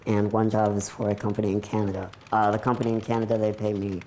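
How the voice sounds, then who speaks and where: A man's voice: fairly low pitch, little pitch movement, fast, dark tone, slight background noise. A nineteen-year-old man with an American accent, talking candidly and matter-of-factly in a casual documentary interview style. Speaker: computer programmer telling their own story.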